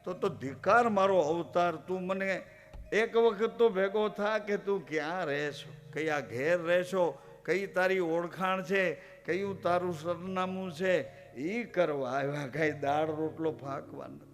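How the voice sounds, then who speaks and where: A man's voice: high-pitched, measured pace, faint music behind. A man preaching a devotional sermon, telling a story and calling out the characters' lines. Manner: storytelling, acting out characters' calls. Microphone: live program recording.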